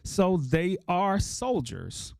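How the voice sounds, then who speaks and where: A man's voice: sits high, big pitch swings, drawn-out words, creaky, darkish tone, no echo, studio quality. A middle-aged man hosting a podcast, talking casually and emphatically to listeners, repeating key points for effect. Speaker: podcast host.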